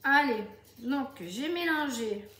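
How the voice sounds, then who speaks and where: A woman with a southern French accent chats through a cooking demo, talking straight to her viewers. Her voice sits high and her delivery is slow and easygoing. She is recorded in an echoey home kitchen with faint noise underneath. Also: animated, pushed and bright. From southern France. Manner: chatty, addresses viewers directly. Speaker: Tupperware demonstrator. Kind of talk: casual cooking tutorial.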